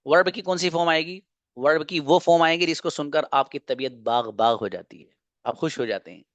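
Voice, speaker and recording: A man's voice: a little high, brisk, fairly bright tone, dry recording, muffled recording. A man teaching an online grammar lesson. He, asks questions and answers them himself, and repeats each example patiently. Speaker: English teacher.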